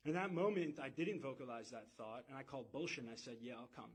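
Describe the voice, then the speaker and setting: A man's voice: medium pitch, expressive, fast, husky, rough recording. A man giving an intense, emphatic personal testimony and swearing now and then. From United States. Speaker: speaker telling his own story.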